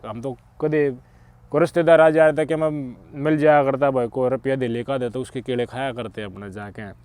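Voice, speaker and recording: A middle-aged man with a Haryanvi accent gives preachy, emphatic social commentary as a channel host, swinging between loud outbursts and muttered asides. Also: mid-range voice, fairly even intonation, moderate pace, smooth, no echo.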